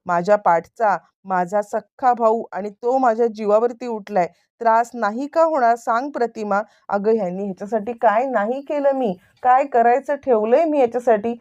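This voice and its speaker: A woman's voice: fairly high pitch, moderate pace, few pauses, a little mellow, dull audio, pitched above the performer's own voice, close to an everyday voice. A woman narrator voicing an angry, heartbroken middle-aged man who was betrayed by his brother, asking pleading, reproachful questions. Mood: anguished.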